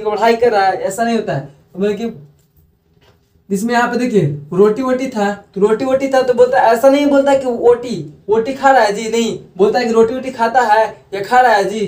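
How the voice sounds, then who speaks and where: A man's voice: very high voice, darkish tone. A man explaining grammar in a loose, repetitive classroom manner, often restarting his sentences. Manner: repeats phrases, self-corrects often. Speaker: grammar teacher. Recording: echoey room, voice from far off the mic.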